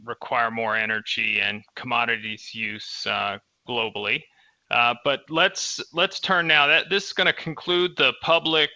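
A man's voice: medium pitch, sharp tone, no echo. A man hosting and moderating a live investment webcast. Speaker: webcast host. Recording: dull lo-fi webcast audio.

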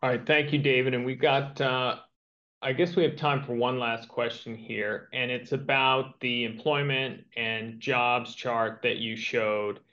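A man moderates a live question-and-answer session as host. His voice is bright and forceful, though the livestream recording is a touch dull. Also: mid-range voice, flat delivery, a little slow. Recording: slightly dull livestream audio.

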